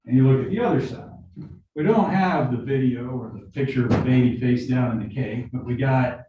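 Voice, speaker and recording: A man's voice: mid-range voice, brisk, dark tone, very echoey, far from the mic, muffled recording. A man questioning potential jurors in a conversational, explaining way, often repeating his words. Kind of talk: jury selection questioning. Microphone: video call.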